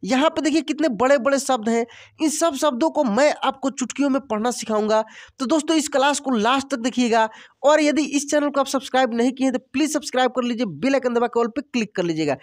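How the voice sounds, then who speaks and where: A man's voice: extremely high pitch, no room sound. A man teaching a reading lesson to viewers, reading words out one at a time and often calling them friends.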